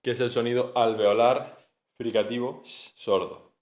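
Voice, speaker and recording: Relaxed male teacher, talks through exam material conversationally, mid-range voice. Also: mid-range voice, measured pace. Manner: chatty, thinks aloud with frequent "¿no?" and self-corrections. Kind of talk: casual exam-prep lecture.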